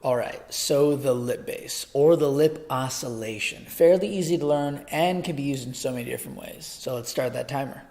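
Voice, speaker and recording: A man hosting an upbeat online beatbox tutorial, talking in an energetic, chatty way. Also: mid-range voice, moderate pace, few pauses.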